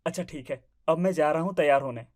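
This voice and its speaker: A woman's voice: low voice, fast, natural voice. A woman voicing a shy grumbling young husband. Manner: gently grumbling, placating. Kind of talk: family drama acting.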